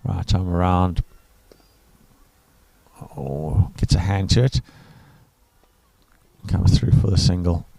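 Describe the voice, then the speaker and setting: A man's voice: low-pitched, fairly even intonation, slow, gravelly, long pauses, mellow, rough recording. A man from Africa, giving chatty live cricket commentary full of enthusiastic asides. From South Africa.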